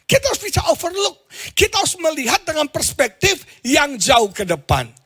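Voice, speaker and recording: A middle-aged man with an Indonesian accent preaching a sermon as a pastor, telling stories with sudden loud exclamations and low asides. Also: huge pitch swings, moderate pace. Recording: live church stream with faint music behind.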